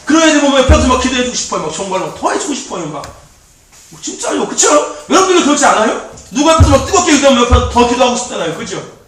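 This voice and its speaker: A man youth pastor preaching a sermon in a church, animated and repetitive, laughing often as he talks. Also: very high-pitched, very fast. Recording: very echoey, distant mic.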